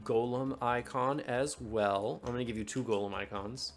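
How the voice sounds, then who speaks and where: A man's voice: medium pitch, steady tone, normal speed, faint music behind. A man running a tabletop game as game master, narrating in a loose, chatty way. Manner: loose and chatty, fumbles with tools mid-scene.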